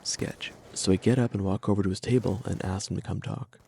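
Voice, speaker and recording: A man's voice: low voice, fairly even intonation, a little fast, vocal fry, darkish tone, husky. A young man narrating a first-person story in a wry, slangy, scripted storytime style.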